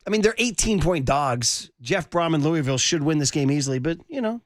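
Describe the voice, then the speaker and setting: A man's voice: fairly high pitch, lively intonation, a little fast, dry recording. A man hosting a sports radio show in a studio, chatting casually and joking while rattling off his weekend picks. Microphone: studio mic.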